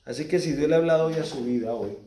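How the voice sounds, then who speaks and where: A man with a Colombian Spanish accent preaching a sermon as pastor, swinging between loud exhortation and quiet low asides. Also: quick pace, distant mic. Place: church. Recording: echoey church hall, speaker off-mic at times.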